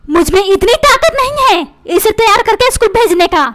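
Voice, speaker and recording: A nagging, melodramatic cartoon housewife, voiced by a woman complains in a very high voice that bounces around. She scolds and pleads, using comic dubbing. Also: expressive, moderate pace, fairly bright tone.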